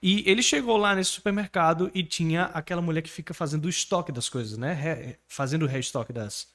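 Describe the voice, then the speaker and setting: A man from Brazil teaching English online, pitching his course and coaching pronunciation with energy. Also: brisk. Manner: energetic, persuasive, asks the viewer to repeat words.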